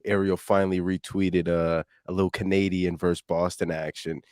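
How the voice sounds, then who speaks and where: Low-voiced joking podcast co-host. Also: male voice, level tone, normal speed, darkish tone, dry recording, studio quality. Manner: blunt, joking, hesitant starts. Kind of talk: casual podcast interview.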